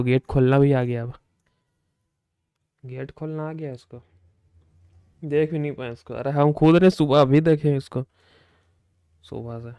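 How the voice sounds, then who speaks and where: A man's voice: medium pitch, dark tone, smooth. Doting man. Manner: coaxing, doting baby talk to his pet cat. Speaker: game streamer. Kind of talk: casual live-stream chat. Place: at home with his cat. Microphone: desk microphone.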